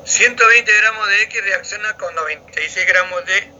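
Man, high and very bright voice, casual tutor talking through chemistry sums; dull lo-fi recording. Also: normal speed, slight background noise. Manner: offhand, talks through calculations aloud.

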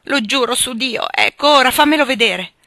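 Woman voicing a delirious sick man, agitated, pleading, bright tense voice. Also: mid-range voice, moderate pace, no room sound, studio quality. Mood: bitter, insistent.

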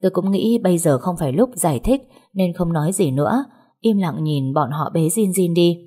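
A woman narrating a first-person audiobook story in a steady storytelling manner. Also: on the low side, normal speed, husky.

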